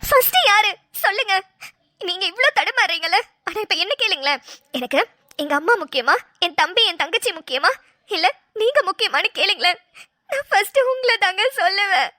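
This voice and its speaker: A hurt young newlywed wife in a cartoon, voiced by a woman, her complaints spilling out in tearful pleading. The voice sits very high with a bright, sharp edge. It sounds close and dry, with no room around it. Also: very animated, fairly quick, no echo, heavily acted. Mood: insistent. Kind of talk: Tamil cartoon drama voice acting.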